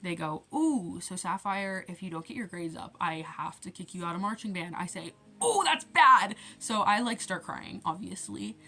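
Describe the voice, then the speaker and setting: A teenage girl vlogger rambles through a casual storytime rant, acting out conversations and shifting her loudness as she quotes people. Her voice sits on the low side, and she keeps a moderate pace with hardly any pauses.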